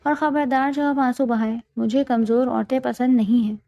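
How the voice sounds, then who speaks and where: A stern young husband with a firm, commanding delivery, read aloud by a woman. The voice sits a little high, with a gravelly edge and a mellow, dry sound. It suits an audiobook romance reading. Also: fairly even intonation, highs cut off.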